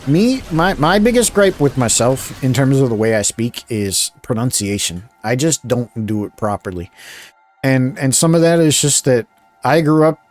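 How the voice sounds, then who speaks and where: A man from the suburbs, chatting casually on a live stream, mumbling a little, talking fairly slowly and rambling with restarts. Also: mid-range voice, animated, darkish tone, faint music behind. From Philadelphia suburbs, USA.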